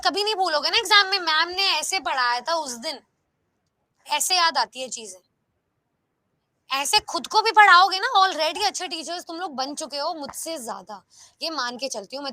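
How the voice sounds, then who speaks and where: A bright, high-voiced woman teaches a live online exam-prep class in Hindi mixed with English, and the recording is dry. She's lively and coaxing, throwing rhetorical questions at her students.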